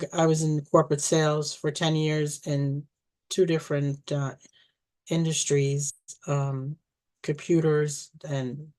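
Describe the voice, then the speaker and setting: Reminiscing about her life, an Egyptian-born family storyteller in her sixties speaks in a low voice and a relaxed manner. She frequently stops and begins again, laughing softly at times.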